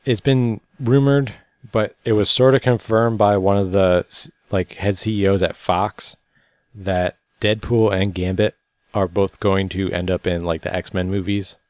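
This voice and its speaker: Tired, easygoing male podcast co-host, low voice, dry close sound, running through the news casually. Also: a little slow, no room sound. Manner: relaxed, rambling, many fillers. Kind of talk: casual chat.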